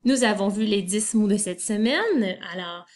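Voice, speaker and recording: A woman's voice: medium pitch, animated, moderate pace, a little mellow. A woman teaching children a spelling lesson, patiently spelling words letter by letter.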